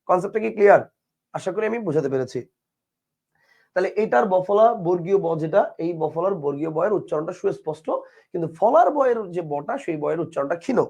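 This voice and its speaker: A man's voice: high-pitched, animated, brisk, vocal fry, a little mellow, slightly rough. A man from Bangladesh, teaching a grammar lesson and explaining step by step, repeating key words and asking rhetorical questions.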